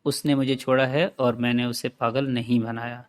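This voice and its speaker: A man's voice: mid-range voice, level tone, dry recording, close to an everyday voice. Guy reading jealous dumped young man in a story, bitter and pleading, dry sound. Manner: resentful, pleading.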